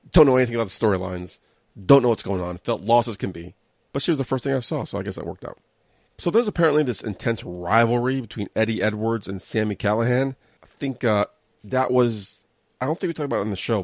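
An American man with a lowish voice hosts a casual solo wrestling review show, rambling sardonically through his opinions on the shows. The recording is dry and has a clean studio sound.

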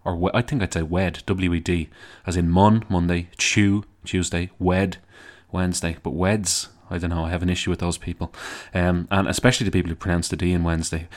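A man's voice: sits low, level tone, a little fast, hardly any pauses. A man with a Dublin Irish accent hosting a podcast, talking casually in a rambling, digressive, jokey way. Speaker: podcast host. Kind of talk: casual solo podcast intro.

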